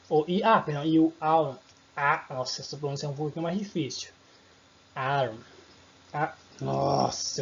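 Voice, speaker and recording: Casual Brazilian-Portuguese-speaking male teacher, mellow. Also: fairly high pitch, highs cut off. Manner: informal, self-correcting, apologizes for slips. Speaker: English teacher. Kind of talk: recorded online lesson.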